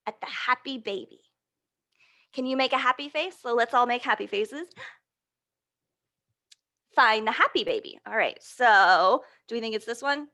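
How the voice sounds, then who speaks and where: Her fairly high voice brings energy and encouragement to an interactive storytime, where she reads a picture book to small children. Along the way she often asks questions and answers them herself.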